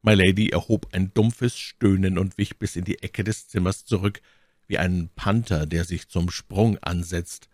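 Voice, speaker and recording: A low-voiced male audiobook narrator reads a classic novel from a script in steady, measured storytelling. The recording is studio quality with no echo.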